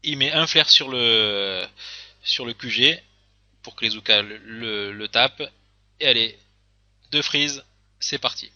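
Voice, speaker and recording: A man's voice: mid-range voice, slow, pauses often, pushed and bright, no room sound, lo-fi sound. A man casually commenting on game replays, hesitant, with many fillers and restarts.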